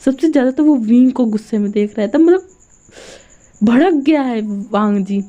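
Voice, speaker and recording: A woman's voice: on the high side, animated, normal speed, mellow, highs cut off. Chatty woman retelling a story. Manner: chatty, filler-heavy retelling. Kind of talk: casual story explanation.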